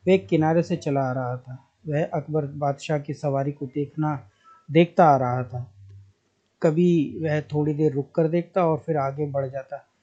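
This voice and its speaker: A man narrating a story as a storyteller in a measured, deliberate reading style, on a dull lo-fi recording. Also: on the high side, darkish tone.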